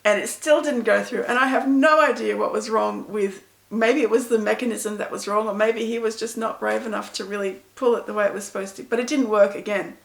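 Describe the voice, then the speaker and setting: Chatty woman, gravelly voice. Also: medium pitch, fairly even intonation, a little fast, hardly any pauses, echoey room. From Pakistan. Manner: chatty, self-deprecating storyteller. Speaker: author answering reader questions. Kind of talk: casual talk to camera.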